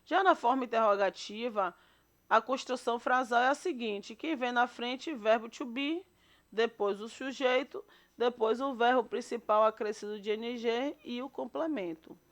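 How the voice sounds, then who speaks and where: A woman leads a recorded grammar lesson in a slightly high voice. She is patient and repeats each example, checking in with her students after every point. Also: normal speed. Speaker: English teacher.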